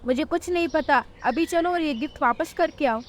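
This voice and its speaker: A woman voicing a poor, gentle mother bird in a cartoon, speaking in a soothing, motherly way. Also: high voice, normal speed, a little hiss or hum, pitched above the performer's own voice, natural voice. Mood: scolding.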